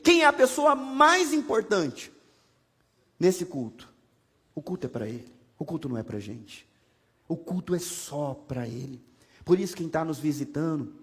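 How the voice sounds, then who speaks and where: In this recording, long church reverb surrounds a man's slightly high, fairly bright, husky voice. He is a pastor with a Brazilian Portuguese accent giving a sermon in the sanctuary, joking conversationally and asking many rhetorical questions.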